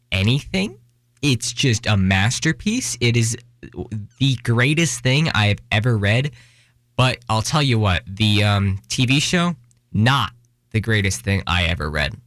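A man's voice: mid-range voice, fairly bright tone, dry recording, studio quality. Rambling young man on a podcast. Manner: rambling, self-deprecating, restarts and fillers, runs out of breath. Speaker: podcast host. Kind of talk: casual solo podcast talk. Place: Washington, US.

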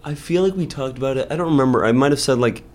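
A young adult co-host on a casual podcast talks rapid-fire in a mid-range voice, with a crowd audible behind him. His storytelling rambles and is thick with fillers.

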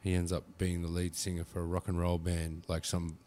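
A man's voice: low-pitched, monotone, fairly quick, dark tone. A man chatting casually about films as a podcast co-host, sweary and slangy. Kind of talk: casual film chat. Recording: clearly noisy background ambience.

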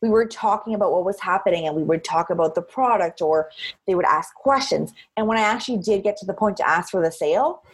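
An outgoing woman chats in an interview. Her voice has a husky edge, and she leans on repeated phrases to press her points. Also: fairly low pitch, fast talker, poor audio. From Cape Breton, Canada. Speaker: interview guest, social media marketer. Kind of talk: conversational interview.

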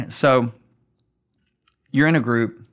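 A man's voice: mid-range voice, drawn-out words. A man, a guest pastor, talking earnestly in a conversational interview, often stammering and restarting as he tells stories.

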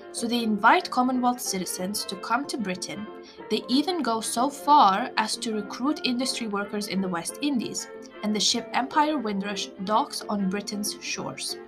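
A young woman hosting a scripted podcast, explaining in a measured way with wry asides. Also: a little high. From Lithuania. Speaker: podcast host.

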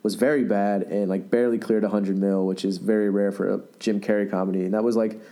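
Thirties guy rambling on a podcast, kinda low voice, warm and mellow, lots of likes and restarts. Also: level tone, fast talker. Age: 30s. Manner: rambling, many fillers and restarts. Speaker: podcast host. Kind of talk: casual podcast chat.

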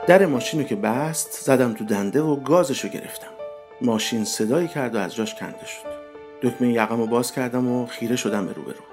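A man telling a first-person story in a measured, wry narrating voice. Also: medium pitch, music in the background.

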